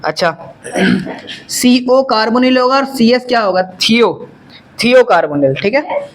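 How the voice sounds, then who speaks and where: A man's voice: extremely high pitch, animated, a little slow, slight background noise. Man teaching chemistry to a class. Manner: quizzing students, answering own questions. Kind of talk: classroom lecture.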